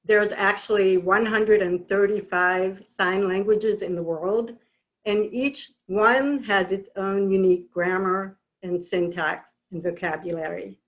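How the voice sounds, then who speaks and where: A woman's voice: medium pitch, fairly even intonation, measured pace, rough recording. Woman presenter explaining in a presentation.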